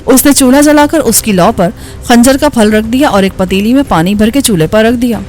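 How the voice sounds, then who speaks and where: A woman narrating an action novel as an audiobook, in a steady storytelling voice. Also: fairly high pitch, faint music behind.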